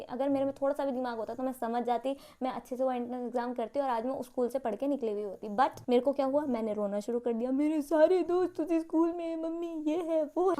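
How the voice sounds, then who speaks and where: A young woman telling a story from her life in a casual vlog, animated, dramatic and self-mocking. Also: high-pitched. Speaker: storytime vlogger.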